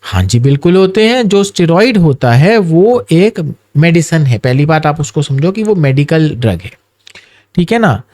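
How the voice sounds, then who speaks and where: Measured male surgeon. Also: a little high, very animated, darkish tone. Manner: measured, advising, mixes English phrases. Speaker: orthopedic surgeon guest. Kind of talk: explanatory interview talk.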